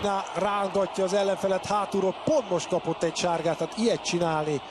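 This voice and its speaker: Over distinctly noisy broadcast sound, an excited male football commentator with a rather high voice calls the players in clipped, urgent bursts that spike at each opportunity.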